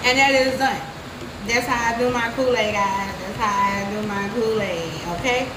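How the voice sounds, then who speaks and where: A woman's voice: on the high side, fairly even intonation, moderate pace. Chatty woman vlogging in an echoey kitchen. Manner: chatty, talks straight to viewers. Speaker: vlogger cooking at home. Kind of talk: casual cooking vlog. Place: home kitchen. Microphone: phone held at arm's length. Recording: echoey kitchen, background noise.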